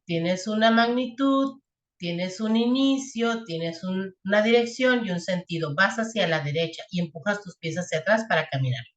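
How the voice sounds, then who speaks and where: Speaking at a moderate pace with a medium-pitched voice, a woman teacher leads a classroom lesson on equations and physics, stepping through it and frequently asking short check-in questions. The room echoes.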